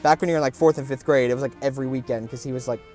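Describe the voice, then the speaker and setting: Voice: mid-range voice, steady tone, very fast, over music. A let's-play host rambling in casual commentary over a game, chatty and full of fillers.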